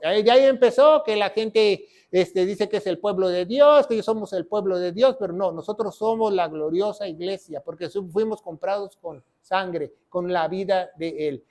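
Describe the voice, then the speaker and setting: A man. He teaches emphatically, pressing rhetorical questions and tag words, and swells louder whenever he reads scripture aloud. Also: high-pitched, moderate pace, few pauses. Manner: emphatic preaching, rises loud on scripture quotes, rhetorical questions. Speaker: pastor. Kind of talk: sermon teaching.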